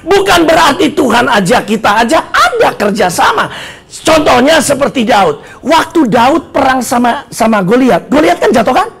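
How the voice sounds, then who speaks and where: A man preaching a lively, humorous sermon in a way, teasing the congregation, asking them questions and calling for amens. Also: very high voice, moderate pace, gravelly, husky. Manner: joking, teasing, slangy asides to the congregation. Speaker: pastor.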